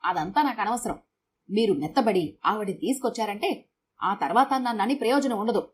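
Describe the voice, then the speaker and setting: A woman voicing a sharp-tongued middle-aged housewife who scolds curtly. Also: medium pitch, a little fast, a little hiss or hum, natural voice. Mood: scolding. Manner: scolding, curt.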